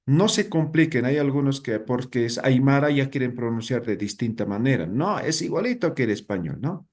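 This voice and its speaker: A man's voice: mid-range voice, animated, normal speed, a little mellow. A man teaching a language class, patient, often checking in with his students.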